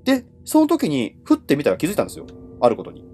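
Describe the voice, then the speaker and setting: A man telling ghost stories as a livestream host in casual, conversational speech, with dramatic pauses and phrase endings that trail off. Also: on the high side, wildly swooping pitch, a little mellow. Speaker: horror storyteller and host.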